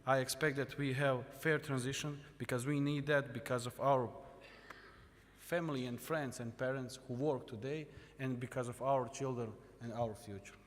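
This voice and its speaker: A man of middle pitch speaks on a panel, plain and appealing and pausing on fillers. His voice rings with the long reverb of a large conference hall. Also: steady tone, slight background noise. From Bosnia and Herzegovina. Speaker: politician on a panel. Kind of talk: panel speech.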